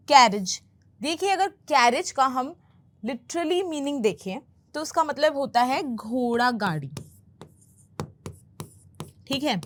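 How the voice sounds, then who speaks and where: A woman teaching English who explains film dialogue line by line, patiently repeating phrases slowly for learners. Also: high voice, a bit bright.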